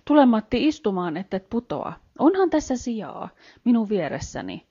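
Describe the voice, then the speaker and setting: A woman's voice: on the high side, animated, warm tone. A woman voicing a timid, wide-eyed peasant wife on her first train ride, asking anxious, chattering questions, in a dull lo-fi audiobook recording. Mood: frightened.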